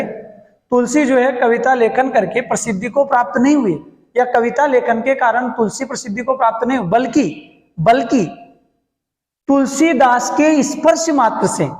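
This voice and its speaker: High-voiced Hindi teacher in echoey hall. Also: male voice. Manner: recites verse lines slowly, then explains in quick bursts; quizzes students with questions, then answers himself. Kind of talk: classroom lesson on poetic meter.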